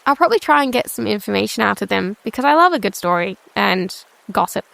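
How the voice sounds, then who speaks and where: A woman's voice: mid-range voice, lively intonation, quick pace, gravelly, fairly bright tone, no room sound. A woman with a slightly nasal voice, chatting animatedly as a player in a tabletop game. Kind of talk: tabletop role-play.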